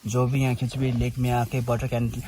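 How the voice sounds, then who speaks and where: A man's voice: medium pitch, monotone, fairly quick, crowd noise. A man casually explaining a local custom, mixing in English words as he talks.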